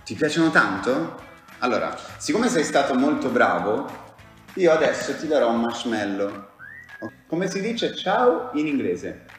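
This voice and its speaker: Low-voiced playful woman, very echoey room. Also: measured pace. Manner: teasing, encouraging, lively. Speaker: interviewer of children. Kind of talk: playful questioning of a child. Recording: very echoey room with faint music.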